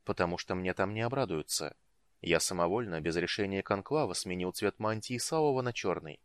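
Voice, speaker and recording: A male audiobook narrator voicing a reserved, proud young mage who speaks curtly and calmly. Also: sits low, moderate pace, no echo. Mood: guarded. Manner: curt, calm, guarded. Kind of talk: audiobook reading.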